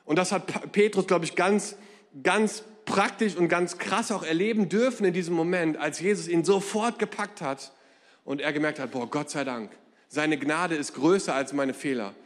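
A man preaching a sermon in a lively, humorous, conversational way. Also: sits high, moderate pace, long reverb tail. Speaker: pastor.

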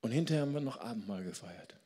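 A man preaching a sermon as pastor, lively and storytelling, slowing down to stress key words. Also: medium pitch, in a large hall.

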